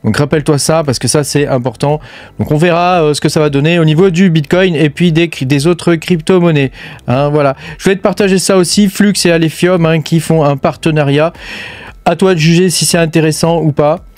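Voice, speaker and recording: A man's voice: on the high side, brisk, a little mellow, dry recording. Chatty French man, dry close sound. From France. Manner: chatty, filler-heavy, addresses viewer as tu; blunt, swears casually. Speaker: crypto mining YouTuber. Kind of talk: casual commentary over charts.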